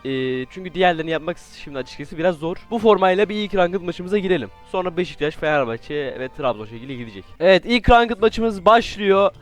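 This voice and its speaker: A man giving casual, joking commentary while playing a game, with sudden excited outbursts and playful trash talk. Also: high voice, brisk, few pauses, faint music behind. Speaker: gaming YouTuber.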